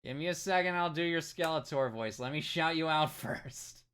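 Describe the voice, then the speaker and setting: A man's voice: on the high side, moderate pace, a bit bright, smooth. A man streaming a game, chatting casually, reading game text aloud and thanking viewers. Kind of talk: casual live-stream commentary.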